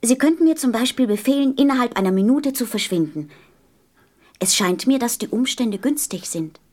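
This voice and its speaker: A woman's voice: fairly high pitch, animated, moderate pace, a little mellow. A woman playing a small, polite and curious boy prince in a German radio play, with an earnest, questioning way of talking. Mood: polite, diplomatic.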